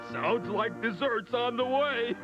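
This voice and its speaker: An actor playing a sly, hungry, excitable male wolf in a cartoon, heard from a worn tape copy. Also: very high-pitched, exaggerated voice. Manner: gleeful, wheedling, cackling. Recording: dull worn VHS tape with music behind.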